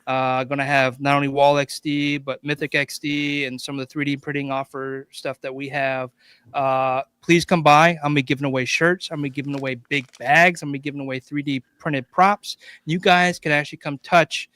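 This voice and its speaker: A man's voice: medium pitch, level tone, a little fast, pushed and bright, clean tone, no room sound, studio quality. A man who is a guest on a livestream, talking enthusiastically about his product and upcoming conventions. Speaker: guest toy creator. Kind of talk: casual livestream chat.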